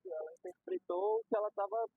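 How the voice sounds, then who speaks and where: A man's voice: very high voice, sing-song, a little fast, vocal fry, no room sound. A young man with a Brazilian Portuguese accent, chatting casually and explaining ideas with everyday examples and slang. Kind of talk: casual conversation. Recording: dull lo-fi recording.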